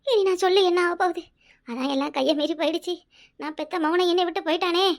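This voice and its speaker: A woman's voice: very high voice, fast talker. A woman voicing an aging village mother with a southern Tamil village dialect, reproachful and pleading with her son in a cartoon. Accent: southern Tamil Nadu village dialect. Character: aging village mother, grief-stricken and scheming. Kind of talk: cartoon voice acting.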